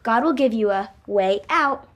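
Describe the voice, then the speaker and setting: A woman's voice: on the high side, lively intonation, unhurried. An actress playing a sensible, helpful young woman in a kids' show, earnest and explanatory. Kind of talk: scripted kids' show acting.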